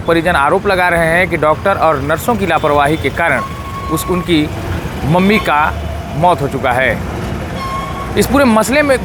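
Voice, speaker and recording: Male reporter, high voice, formal, brisk, outdoor traffic noise. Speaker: news reporter. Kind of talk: news report.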